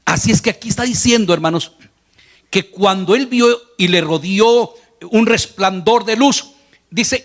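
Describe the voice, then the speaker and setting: A pastor from Latin America gives an earnest Spanish sermon in a very high-pitched, slightly bright voice. His pitch climbs further on quoted lines whenever he retells a scene.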